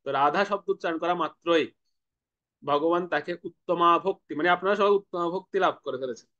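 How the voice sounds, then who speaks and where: A man with a fairly high voice preaches a devotional sermon. He explains things patiently, poses rhetorical questions and has his listeners repeat words after him. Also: quick pace, fairly bright tone, lo-fi sound. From Bangladesh.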